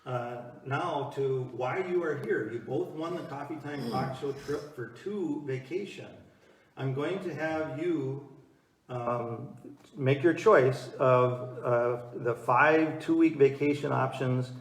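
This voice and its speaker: A man's voice: medium pitch, takes it slowly, lightly acted. Easygoing talk-show host, echoey played by a man. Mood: agreeable. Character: easygoing small-town Wisconsin talk-show host Bob. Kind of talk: amateur church comedy talk-show skit. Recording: echoey room, distant mic, noise.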